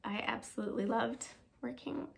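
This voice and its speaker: A woman's voice: on the high side, moderate pace, vocal fry. A woman vlogging about knitting from her home knitting room, chatting casually, self-deprecating and swearing now and then. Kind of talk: casual chat to camera.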